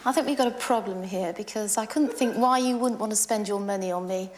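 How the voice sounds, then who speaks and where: A woman giving wry, deadpan joke answers on a TV dating show. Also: medium pitch, fairly quick. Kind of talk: scripted witty answers.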